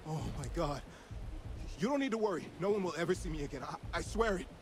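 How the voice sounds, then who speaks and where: A pleading street crook played by a man in a video game, with a fairly high, very animated voice. He talks in streetwise, nervy, stammering appeals over clear background ambience. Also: fast, faint music behind, natural voice. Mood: desperate, pleading. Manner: streetwise, informal, stammering pleas. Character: panicky, pleading male street beggar and small-time crook. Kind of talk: video game character dialogue.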